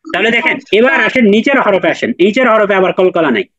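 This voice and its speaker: A man's voice: high-pitched, animated, fast, fairly bright tone, dry recording, dull audio. A man teaching Quran recitation in an online class, patiently repeating and drilling letter sounds with his students.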